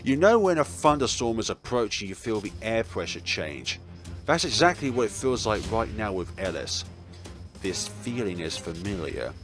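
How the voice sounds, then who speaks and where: Over soft background music, a man with a lowish voice reads a visual novel aloud at a moderate pace for a let's play, chiming in with casual remarks. His reading is expressive; he performs the characters' lines, chuckles, and trips over some words.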